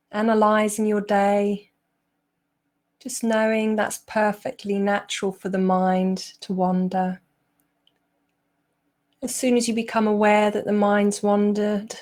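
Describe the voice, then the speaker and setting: A meditation teacher with a middle-pitched voice leads a slow, guided meditation. She speaks gently and leaves long pauses between instructions.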